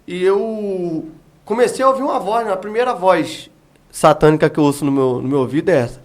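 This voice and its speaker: Brief: high-pitched male evangelist, podcast guest, dramatic storyteller acting out quotes. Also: a little fast. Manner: vivid storytelling that acts out remembered dialogue. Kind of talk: testimony in a podcast interview.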